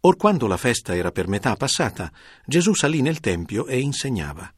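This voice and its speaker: A man narrating a scripted Bible reading in a steady, even way. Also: medium pitch, brisk, breathy edge, dry recording, studio quality.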